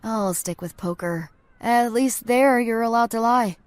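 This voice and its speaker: A woman's voice: a little high, unhurried, no room sound, close to an everyday voice. Wry teasing guy, read by a woman, dry close voice.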